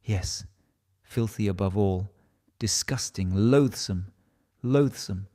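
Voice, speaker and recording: A man's voice: fairly low pitch, slow pace, mellow. A man with a Russian accent voicing an agitated, self-loathing, brooding man in an audiobook, in exclamatory, hesitant self-talk. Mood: disgusted, agitated.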